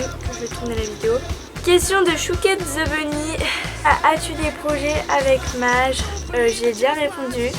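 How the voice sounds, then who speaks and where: A young woman from France chatting casually as a dog-owner vlogger, reading viewer questions aloud and answering them in a chatty, hesitant way. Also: high voice. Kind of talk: casual FAQ chat. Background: background music.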